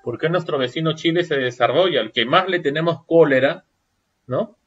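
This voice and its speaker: A man's voice: on the high side, normal speed, slightly rough, lo-fi sound. A man giving a seminar lecture, firing off rhetorical questions and checking in with the audience. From Peru.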